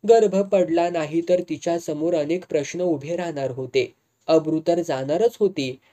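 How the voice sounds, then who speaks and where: A reader narrating a serialized novel in a steady storytelling manner. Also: medium pitch. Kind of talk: scripted narration.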